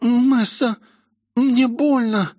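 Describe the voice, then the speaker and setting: A man voicing a frightened, tearful young woman who cries and pleads in a high panicky voice. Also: fairly even intonation, very slow, a little mellow, no room sound, studio quality, full character voice. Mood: shaken.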